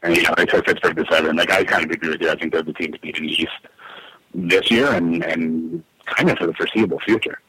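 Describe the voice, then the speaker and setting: A man's voice: sits low, fairly even intonation, quick pace, pushed and bright, breathy edge, no echo, poor audio. A man co-hosting a casual sports podcast in an attic, talking through his analysis in an agreeable, conversational way. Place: attic of a house, recording in summer heat.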